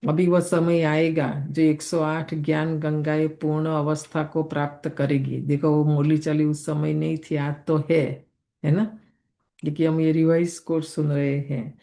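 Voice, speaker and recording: A woman's voice: sits low, little pitch movement, unhurried, gravelly, dark tone. A woman teaching a daily spiritual lesson in a conversational way, often checking in with her listeners. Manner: conversational, keeps asking listeners "isn't it?".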